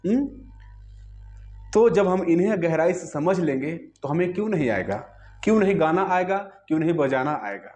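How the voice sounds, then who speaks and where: Guy teaching a music lesson, fairly high voice, patient, faint music playing under him. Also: lively intonation, normal speed, darkish tone. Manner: patient, explains step by step, asks listeners to hum along.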